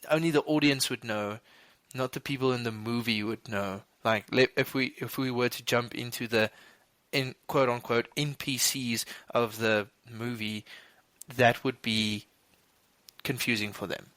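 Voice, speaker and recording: This podcast co-host has a mid-range, steady, fairly bright voice with no echo. Chatting casually about movies, he rambles, restarts often and laughs quickly.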